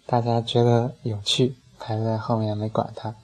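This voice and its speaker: A man's voice: lowish voice, level tone, moderate pace, darkish tone, poor audio. A man narrating a humorous first-person travel story, dry and comic in his delivery.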